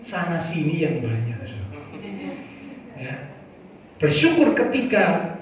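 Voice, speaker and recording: A male pastor, preaching a lively, folksy sermon with playful asides. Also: a little high, slow pace, slight background noise. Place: large church hall. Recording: echoey church hall, distant mic, dull sound.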